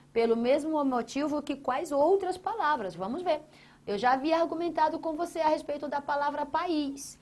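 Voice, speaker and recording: A woman leads an exam-prep grammar lesson. She poses questions, then answers them herself. She drags out syllables slowly as she writes. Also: sits high. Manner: drawn-out syllables while writing on a board. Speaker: teacher.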